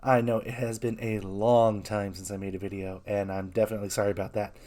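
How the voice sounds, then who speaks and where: A man talking openly in a casual vlog, his voice rough from being sick, earnest and halting, often restarting his sentences. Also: on the low side, level tone, dark tone. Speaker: VTuber.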